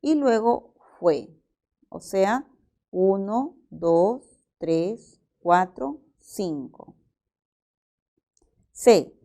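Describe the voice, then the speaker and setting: Slow methodical woman teacher. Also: mid-range voice, lively intonation, warm tone. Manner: slow, methodical, works through each example aloud. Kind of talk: exam-prep language lesson.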